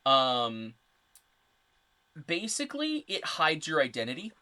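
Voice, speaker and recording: A man's voice: fairly high pitch, huge pitch swings, slow, sharp tone, clear, resonant tone. A man co-hosting a podcast, casually explaining game lore in a loose, rambling way. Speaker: podcast co-host. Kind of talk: casual chat.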